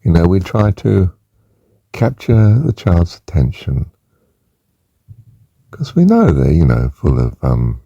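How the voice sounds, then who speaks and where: An older man gently talking through a reflective monologue with rambling asides and soft fillers. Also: low voice, very animated, takes it slowly, creaky, long pauses, no room sound. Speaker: personal reflection speaker. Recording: muffled lo-fi recording.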